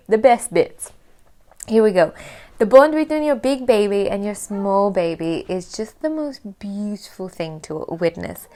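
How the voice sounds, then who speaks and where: A woman, chatting candidly to camera as a vlogger and laughing often. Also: mid-range voice. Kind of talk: casual chat to camera.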